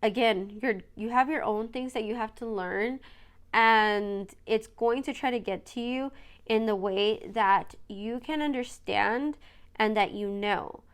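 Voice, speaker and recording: Stuffed up from allergies, a young woman hosts a solo podcast, rambling casually with many fillers and frequent "you guys." Her smooth voice sits on the high side and keeps a measured pace.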